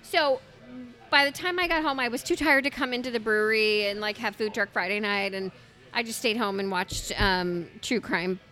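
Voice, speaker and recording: A woman telling a rambling, animated story in casual chat, swearing freely and acting out what others said. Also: mid-range voice, moderate pace. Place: brewery.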